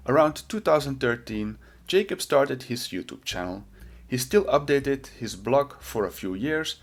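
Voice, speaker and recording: Man, medium pitch, scripted commentary narration, sardonic, mocking. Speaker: video essay narrator.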